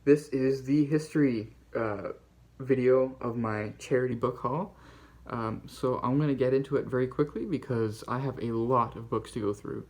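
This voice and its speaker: Halting Canadian man talking books. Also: mid-range voice, darkish tone. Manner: halting, rambling delivery. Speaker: book channel host. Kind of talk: casual book-haul vlog.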